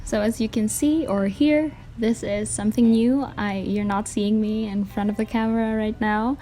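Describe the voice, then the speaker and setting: Mellow Filipino woman, dictaphone-recorded podcast. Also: mid-range voice, steady tone, normal speed, a little hiss or hum. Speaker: podcast and vlog host. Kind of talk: casual solo podcast Q&A. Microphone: handheld voice recorder, dictaphone. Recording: voice recorder with music behind. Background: music.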